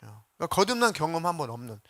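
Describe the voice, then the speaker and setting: A male pastor delivers a Sunday sermon in a church, telling stories and acting out the people he quotes. His voice sits a little high, with a bright, forceful edge. The recording is dry, with little room sound. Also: big pitch swings, rapid-fire, dry recording. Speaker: senior pastor. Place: church sanctuary.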